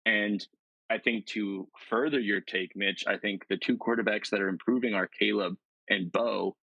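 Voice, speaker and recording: A man's voice: on the low side, fairly even intonation, moderate pace, gravelly, pushed and bright, no echo, highs cut off. A man co-hosting a sports podcast, talking at length and arguing his opinions. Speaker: podcast co-host. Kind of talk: casual sports chat.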